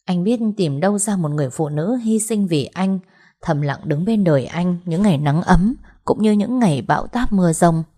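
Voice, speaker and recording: Low, mellow woman narrating. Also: expressive, moderate pace. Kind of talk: audiobook story narration.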